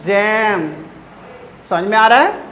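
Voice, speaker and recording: A male teacher taking a phonetics class at a very slow, deliberate pace. He stretches each example word and keeps asking his students a question, then answers it himself. A faint hiss sits under his voice. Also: high voice, lively intonation, bright, forceful tone, rough recording. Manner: addresses listeners as friends. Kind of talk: phonetics lesson for exam students.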